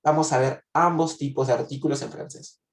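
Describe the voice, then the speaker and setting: A man teaches a language lesson in a patient, methodical way, stopping to repeat points and ask if everyone follows. His voice sits in a middle pitch. It sounds picked up from a little way off in an echoing room. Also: a little fast, far from the mic. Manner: patient, repeats and checks understanding. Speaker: French teacher.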